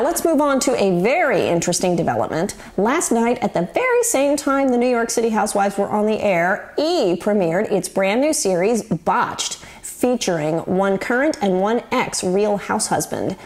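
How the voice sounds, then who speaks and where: A woman's voice: medium pitch, very animated, moderate pace, darkish tone. A woman in her forties hosting a show, giving wry, chatty, scripted commentary to the camera. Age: 40s. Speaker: host.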